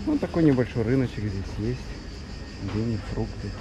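A man's voice: lowish voice, animated, measured pace, dull audio. A man in his thirties casually narrating a travel vlog outdoors in a chatty way, pointing things out to viewers on a handheld action camera. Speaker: travel vlogger. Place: outdoors on streets and roadsides. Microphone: handheld action camera at arm's length. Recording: clear outdoor traffic and ambient noise.

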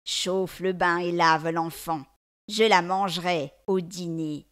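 A woman voicing a slow, menacing old witch who eats children, in a storybook reading. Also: lowish voice, fairly even intonation, fairly bright tone, clear, resonant tone.

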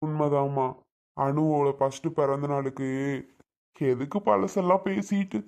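A man's voice: on the high side, fairly even intonation, measured pace, a little mellow. A man playing an older father in a homemade family drama, speaking in an earnest, pleading and reproachful way.

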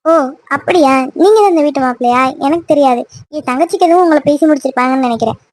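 A woman voicing a hurt, angry young woman in a cartoon love story, snapping sharp, dismissive retorts. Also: sits high, very fast, no echo, natural voice. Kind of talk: cartoon voice acting.

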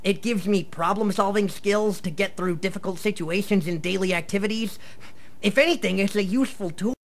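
In a live radio play, a male actor with a high voice speaks briskly as a nerdy teenage boy who is earnest and defensive, hesitant and wordy.

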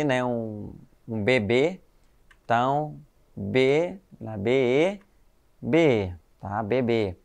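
A man with a Brazilian Portuguese accent teaching a Spanish class to schoolchildren, explaining patiently and tagging sentences with "né?" and "tá?". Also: mid-range voice. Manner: explanatory, frequent "né?" and "tá?" tags; calls students "galerinha", spells letters slowly. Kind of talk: recorded online class for schoolchildren.

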